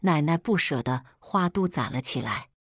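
A woman calmly narrating a family story in the first person, as a read-aloud storyteller. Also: low-pitched, moderate pace, dry recording, studio quality.

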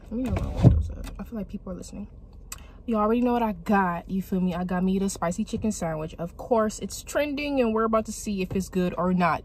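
A young woman hosting a casual food vlog from inside her car, chatting to viewers in a relaxed, slangy way. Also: mid-range voice, noisy background. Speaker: vlogger.

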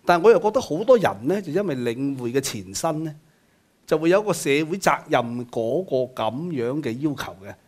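Man, interviewer, slightly high voice, argues step by step. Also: animated, a little fast, darkish tone. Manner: argumentative, builds a case step by step. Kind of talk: probing interview question.

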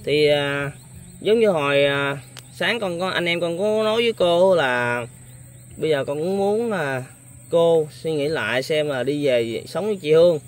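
A man's voice: on the high side, expressive, a little slow. A young man hosting a casual interview, speaking politely with many hesitant fillers. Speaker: vlogger host.

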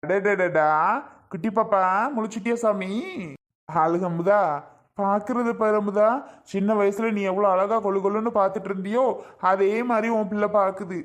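A woman's voice: mid-range voice, fairly even intonation, normal speed, lightly acted. A woman voicing a caring adult man in a cartoon, an affectionate elder brother who coos over a baby. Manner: affectionate, coaxing baby talk. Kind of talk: cartoon voice acting.

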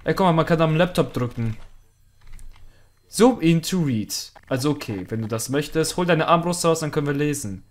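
A man's voice: a little high, animated, moderate pace. A young man hosting a casual co-op horror let's play, jumpy and swearing when startled. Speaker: gaming channel host.

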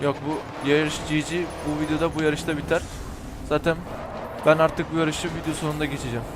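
A young Turkish man giving let's play commentary over a racing game, excitable, shouting and cursing at rival cars. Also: on the high side, a little fast, background noise. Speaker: gaming YouTuber.

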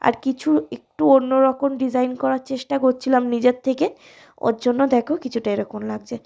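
A woman, hoarse from a cold, casually walking viewers through a step-by-step craft tutorial in a friendly, direct way. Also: high voice, flat delivery, brisk, mellow. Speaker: alta design tutorial host.

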